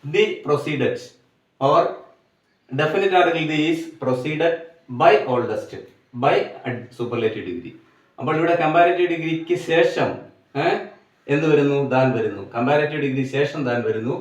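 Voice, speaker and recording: A man with a Malayali accent teaching an English grammar lesson for exam students, going step by step, asking and answering his own questions and slowing down to spell out English examples. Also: fairly high pitch, roomy sound, recorded from a distance, poor audio.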